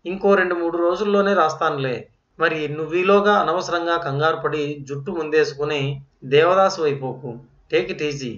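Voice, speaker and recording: A man reads as a cheeky young woman writing to her cousin, teasing and mock-dramatic. The voice sits a little high. The sound is roomy and dull, like an old lo-fi storybook recording. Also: normal speed, fairly bright tone, close to an everyday voice.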